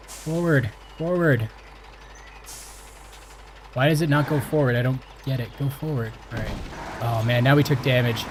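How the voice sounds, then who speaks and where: A young man from Canada hosting his gaming channel, chatting excitedly and exclaiming as he plays. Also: mid-range voice, noisy background. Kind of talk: casual game commentary.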